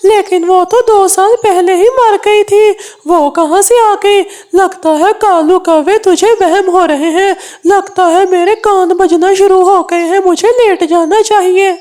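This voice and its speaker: A woman's voice: very high voice, fairly even intonation, measured pace, hardly any pauses, a little mellow. A woman voicing a scheming, bullying male crow in a cartoon, with a mocking, boastful manner. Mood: muttering.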